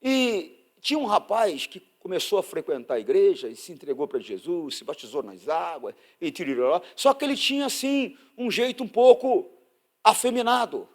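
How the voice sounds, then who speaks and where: Animated Brazilian pastor preaching. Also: male voice, sits high, moderate pace. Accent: Brazilian Portuguese. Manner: animated preaching, swinging from loud outbursts to hushed asides. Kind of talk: sermon.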